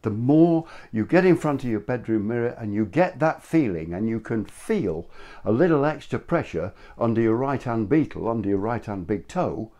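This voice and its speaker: An older man with a lowish voice teaches ski technique, talking steadily and explaining each move as he demonstrates it. He stands back from the camera in a room at home, so his voice carries a little of the room. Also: warm tone. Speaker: ski instructor. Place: home study room, indoors. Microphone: far camera, standing full-body.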